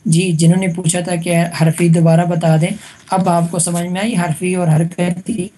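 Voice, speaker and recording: Woman teaching grammar over voice chat, low husky voice, keeps asking if everyone gets it. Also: flat delivery, mellow. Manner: patient, repeats examples and checks understanding. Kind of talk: online class lecture. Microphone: online voice chat room.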